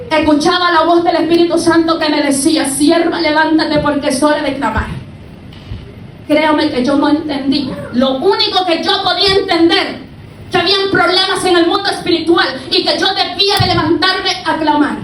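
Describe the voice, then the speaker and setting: A woman giving an emotional religious testimony to a congregation, her voice climbing high and tearful as she recounts her cries. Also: moderate pace, a bit bright, reverberant, recorded from a distance, slight background noise, low-quality recording. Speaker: testimony speaker.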